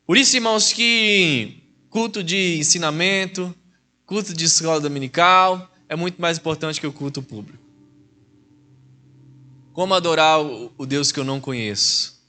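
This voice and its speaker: A man's voice: on the high side, moderate pace, pushed and bright. A man with a Mineiro Brazilian accent, a deacon preaching a sermon in church in a conversational way, talking directly to the congregation as brothers. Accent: Mineiro Brazilian Portuguese. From Minas Gerais, Brazil.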